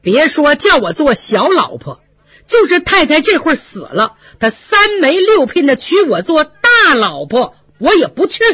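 A storyteller voicing a proud, defiant young maidservant who speaks in an indignant, sharp-tongued way. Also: sits high, wildly swooping pitch, unhurried, dry recording, pitched above the performer's own voice, full character voice. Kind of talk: storytelling with voiced characters. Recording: dry, slightly dull lo-fi recording.

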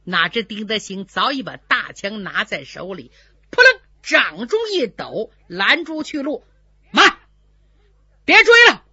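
A woman's voice: medium pitch, very animated, a little slow, sharp tone, breathy edge, no room sound. A woman telling a traditional story in a dramatic, vivid way, with sound effects she makes with her voice. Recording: dull lo-fi recording.

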